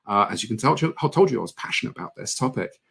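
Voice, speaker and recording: Low-voiced man giving a conference talk. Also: animated, quick pace, vocal fry, fairly bright tone, breathy edge. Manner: earnest, conversational, frequent ums. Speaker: conference speaker on product marketing. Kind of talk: online conference presentation.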